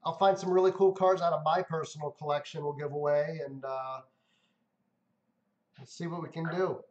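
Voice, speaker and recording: This livestream host's voice is a little high and darkish, with a steady tone and moderate pace. He's upbeat and casual, addressing his viewers and giving away cars, all captured in roomy, dull lo-fi audio.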